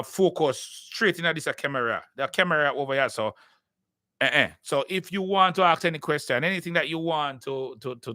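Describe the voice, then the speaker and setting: A man's voice: fairly high pitch, sharp tone, clean tone, no room sound, clean studio sound. A man with a Jamaican accent hosting a live podcast, chatting casually and restarting his sentences with repeated words. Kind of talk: casual live-stream chat.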